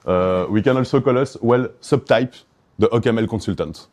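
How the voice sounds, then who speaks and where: Brisk and a little mellow, this mid-range male voice comes from a Belgian man with a Belgian French accent. He gives an enthusiastic conference talk that stumbles with fillers and restarts.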